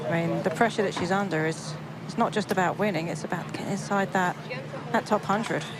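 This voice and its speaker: Lower-voiced woman commentating on golf. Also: a little fast. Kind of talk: live golf commentary, analytical. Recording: outdoor broadcast with clear background noise.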